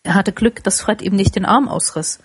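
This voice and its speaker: A woman narrates a classic tale in a steady, expressive audiobook reading. Her voice has a slightly husky, breathy edge at a mid pitch. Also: normal speed.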